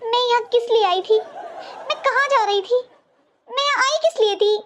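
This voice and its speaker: A woman doing cartoon voice acting plays a young daughter-in-law, sounding pleading and flustered as she replies to her mother-in-law. Her voice is very high-pitched and fairly quick, with a little hiss or hum in the audio.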